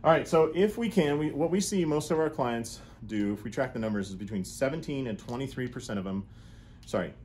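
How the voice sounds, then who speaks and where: A man in his thirties coaches clinic owners through a whiteboard lesson, thinking aloud as he works each sum out. His voice sits at an ordinary middle pitch. A lapel mic in a small room catches him over a faint background hiss. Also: animated, fairly quick, darkish tone. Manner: casual, thinks aloud while doing sums. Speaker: chiropractic business coach.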